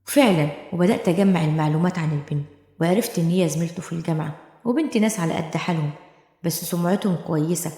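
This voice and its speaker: A woman with an Egyptian Arabic accent telling a dramatic first-person story as a steady storyteller, in an echoey room with long reverb. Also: lowish voice, racing.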